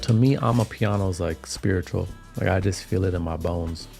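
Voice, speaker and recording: A man's voice: deep voice, moderate pace, gravelly. A man hosting a music livestream, chatting casually in a laid-back, slangy way. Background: music playing.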